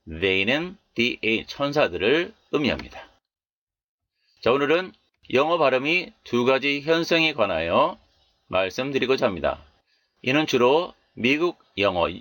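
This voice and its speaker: A man leads a repeat-after-me English lesson on scripture, drawing out each phrase slowly several times. His voice is bright and his pitch moves a lot. The recording is dry and close. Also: dry recording. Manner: reads English phrases very slowly and repeats them, explains quickly in Korean. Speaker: English Bible teacher. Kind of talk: language lesson with slow repeat-after-me drills.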